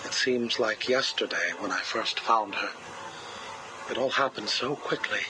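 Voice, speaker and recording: Heard via hissy cassette tape playback, an actor portrays a male scientist who is cold, grieving and obsessive, speaking as an interview subject. His delivery is slow, controlled and mournful, and his voice sits on the low side.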